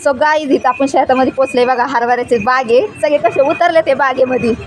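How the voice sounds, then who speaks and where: A woman chatting excitedly to her viewers in a casual vlog, filmed outdoors on a handheld phone. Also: sits high, a little fast. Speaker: vlogger. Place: outdoors by a road, in fields and at a temple. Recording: loud crowd and traffic noise outdoors. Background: loud crowd chatter and vehicle noise.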